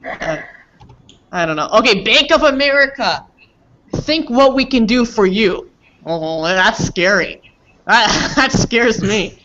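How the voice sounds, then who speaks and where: Bright-voiced teacher man on a call. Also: sits high, lively intonation, slow pace, long pauses. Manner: chatty, quizzing students. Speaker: English teacher hosting online class. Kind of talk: casual class discussion. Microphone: video call. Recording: dull lo-fi call audio.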